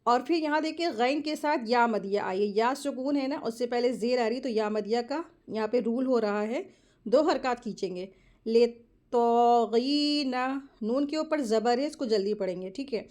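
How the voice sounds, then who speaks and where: A woman teaches Quran recitation step by step, explaining each rule quickly and then reciting words slowly as examples. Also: a little high, darkish tone. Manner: slow, drawn-out model recitations between quick explanations. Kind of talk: step-by-step tajweed lesson.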